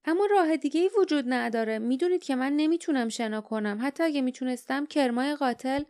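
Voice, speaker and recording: A woman's voice: high voice, darkish tone, voice pushed up, natural voice. A woman voicing a brave, blunt young woman adventurer in an audiobook, firm and urgent. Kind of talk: audiobook dialogue.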